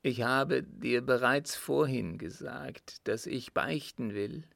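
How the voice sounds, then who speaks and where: A man voicing a gravelly dying old father. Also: mid-range voice, fairly bright tone, no echo, pitched above the performer's own voice, full character voice. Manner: halting, heavy, pleading. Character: dying old father confessing a murder, anguished.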